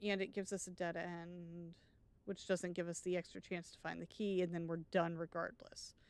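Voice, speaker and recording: A woman's voice: lowish voice, flat delivery, moderate pace, darkish tone, smooth. A woman streaming a live game, talking through her choices in a chatty, wry way. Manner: thinks aloud, chatty and wry. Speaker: let's play streamer. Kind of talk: live gameplay commentary.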